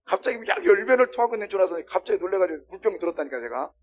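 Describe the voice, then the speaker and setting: A male pastor preaching a sermon, swinging between loud exclamations and quiet asides while questioning the congregation. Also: high-pitched, very animated, very fast, highs cut off.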